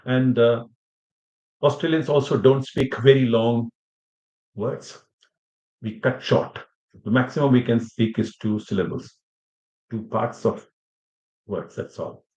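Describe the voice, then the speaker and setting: A man's voice: mid-range voice, steady tone, takes it slowly, pauses often, a little mellow. A man teaching an informal class for students preparing for an English test, talking in a loose, rambling way full of "you know" asides. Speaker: IELTS teacher. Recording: roomy, slightly dull audio.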